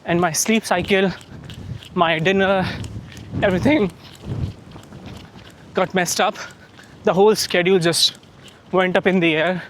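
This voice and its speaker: A man's voice: sits high, steady tone, measured pace, pauses often, a bit bright. A man talking casually to his vlog audience while he runs outdoors, with some wind noise in the recording. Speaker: running vlogger. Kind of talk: casual vlog chat to camera. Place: outdoors on the move.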